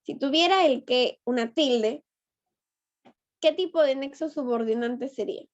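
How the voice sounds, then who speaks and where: Woman teacher, high voice, unhurried and patient, on a dull lo-fi recording. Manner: patient, coaxing, asks students questions. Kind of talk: online class lesson. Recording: dull lo-fi online class audio.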